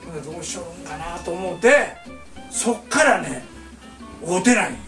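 An older man with a Kansai accent tells a comic story in an animated way, slipping into the voices of the people in it. His voice sits high and swings widely. He is picked up from some distance in an echoing room, with music playing behind him. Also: fairly quick, gravelly. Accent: Kansai Japanese. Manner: animated, acts out voices, laughs through lines. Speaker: painter telling stories to a small audience.

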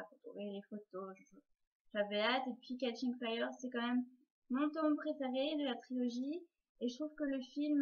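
A woman's voice: on the high side, highs cut off. A woman book blogger talking through her year in a casual vlog, chatty, with frequent hesitations and repeated words.

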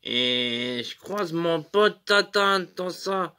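A man's voice: on the high side, lively intonation, very slow, bright, forceful tone, smooth. A man telling a rambling, crude comic anecdote about a night at a bar, full of slang and fillers. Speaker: comedian.

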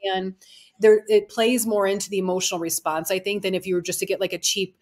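Fast-talking chatty woman host. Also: medium pitch. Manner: chatty, storytelling, animated asides. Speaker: podcast host. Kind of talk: casual interview chat.

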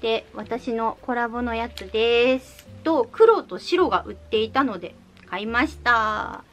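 A woman's voice: on the high side, a little slow, fairly bright tone, faint music behind. A woman chatting cheerfully in a casual haul video, showing off things she bought with playful little reveals. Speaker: vlogger showing recent purchases.

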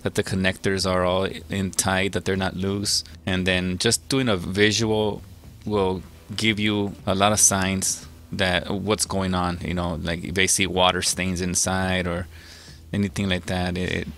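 A man working as an HVAC technician, explaining his maintenance steps in a relaxed way with plenty of fillers, a little out of breath from his mask. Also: low voice, unhurried. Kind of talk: casual how-to narration while working. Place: house basement and yard, on a service call.

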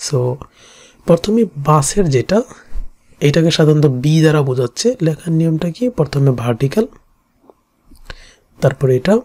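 A teacher explaining Japanese kanji in Bengali with a Bangladeshi accent, repeating each reading slowly and going through it stroke by stroke. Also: medium pitch, animated, darkish tone.

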